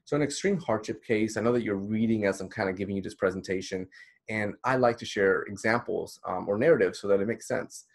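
A man in his thirties, a counselor from the Dominican Republic, delivers an encouraging, easygoing recorded lecture heavy on fillers for a course he teaches. His voice is fairly low and gravelly, and he speaks briskly in a small indoor room.

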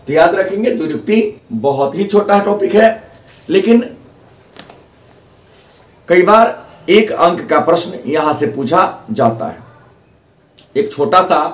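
A male teacher giving a grammar lesson, repeating key terms and asking questions he answers himself. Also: fairly high pitch. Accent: Hindi, eastern. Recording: echoey room, mic at a distance.

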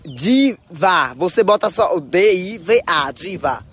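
A man, chatting and teasing playfully in a phone vlog at home. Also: normal speed. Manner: playful, teasing, high and animated. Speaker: vlogger. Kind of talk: casual teasing chat. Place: rural home yard, doing laundry.

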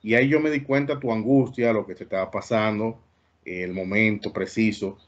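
A man's voice: fairly low pitch, fairly even intonation, normal speed, lo-fi sound. A man hosting an interview, earnest and cautionary in tone. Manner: earnest, warning tone. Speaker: host.

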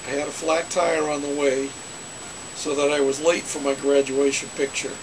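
A man in his sixties casually rambling through old car memories to camera, with folksy uh fillers, in a small home den. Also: on the high side. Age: 60s. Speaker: vlogger telling car stories. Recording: hissy webcam recording.

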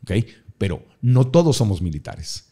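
A middle-aged Mexican man with a Mexican accent, a guest in a casual interview who tells lively stories and mimics people. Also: lowish voice, normal speed, husky. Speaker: guest, speaker.

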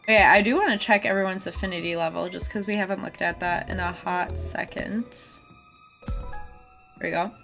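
A woman's voice: on the low side, steady tone, normal speed, vocal fry, a bit bright. A woman streaming a video game, chatting casually and reacting aloud to viewers while getting over a cold. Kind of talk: live game stream chat, reading dialogue aloud. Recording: game music behind the voice. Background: game music.

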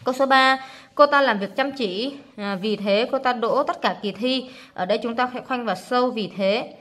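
A woman with a Vietnamese accent, an English teacher explaining exam answers in a relaxed way with many filler sounds. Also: a little high, moderate pace.

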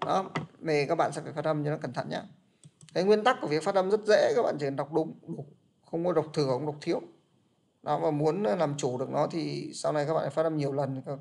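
A man's voice: a little high, vocal fry, darkish tone. A man teaching an English class, explaining patiently and repeating his points.

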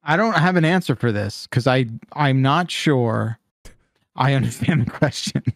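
A podcast host chats casually indoors into a close studio mic on a boom arm, plus a headset, with no room sound. His mid-range voice is expressive, has vocal fry and moves at normal speed.

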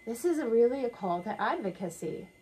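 A woman co-hosting a sermon discussion in a small wood-paneled room, speaking in a measured, thoughtful way. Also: fairly high pitch, animated, a little mellow, slight background noise, low-quality recording. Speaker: co-host. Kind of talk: conversational sermon dialogue.

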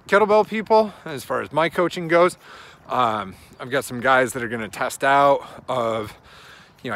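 A strength and conditioning coach in his thirties rambles and thinks aloud in a casual vlog while walking down a suburban residential street. He holds his phone at arm's length, and his medium-pitched voice is fairly bright.

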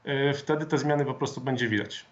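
A man in his thirties, a member of parliament, answering interview questions over a video call in a measured, formal way with some hesitant fillers. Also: medium pitch. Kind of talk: political interview. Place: home office with flag, indoors. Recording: dull lo-fi video call audio.

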